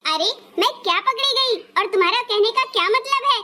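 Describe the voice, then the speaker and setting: A woman's voice: very high-pitched, fairly quick, sharp tone. A woman voicing a fussy, scheming mother-in-law in a cartoon, who gets flustered and stammers when she is caught out. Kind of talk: Hindi cartoon dubbing.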